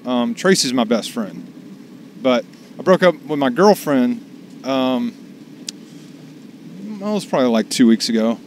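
A man's voice: medium pitch, expressive, a little slow, pauses often, darkish tone, a little hiss or hum. A man chatting casually to the camera while driving for food deliveries, rambling and salty. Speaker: delivery driver vlogger. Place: in a car.

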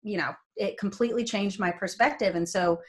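A woman in her forties from New Jersey, a guest telling lively family stories over a video call from her home. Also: mid-range voice, brisk. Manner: animated storyteller who acts out quoted family members. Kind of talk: casual faith interview.

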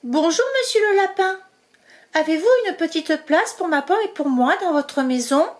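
A woman voicing an eager little female mouse in a storybook reading, with high excited exclamations. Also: normal speed, natural voice.

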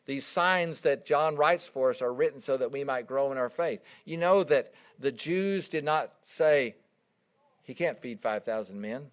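A man's voice: a little high, clean tone. A middle-aged man preaching a sermon, earnest and emphatic, telling stories with his voice swelling and dropping. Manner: earnest, emphatic, storytelling with rising and dropping volume.

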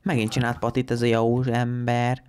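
A young man chatting casually while playing a game, easily excited and often breaking into high shrieks and laughter. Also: clean tone. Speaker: gamer. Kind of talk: casual Minecraft let's play banter.

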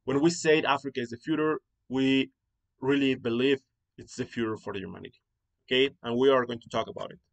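Speaking a little fast in a medium-pitched, slightly creaky voice, this man keeps a steady tone. He's from Mexico, has a Mexican Spanish accent, and is presenting live online as founder of an academy, earnestly repeating himself and leaning on fillers and rephrased lines.

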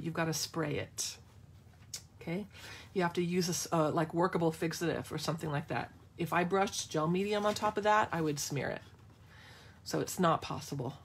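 A woman with a somewhat low, husky voice leads a live craft demo from her studio. She talks in a chatty, playful way, thinking aloud and restarting her sentences as she answers viewers' questions. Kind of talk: casual live-stream Q&A.

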